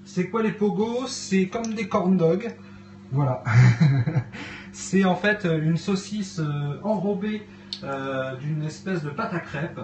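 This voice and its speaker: A man's voice: high-pitched, slow, a little mellow, a little hiss or hum. A man hosting a casual cooking live stream in his cluttered kitchen at home, hesitating often with fillers as he chats with viewers. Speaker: livestream host cooking. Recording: echoey home room.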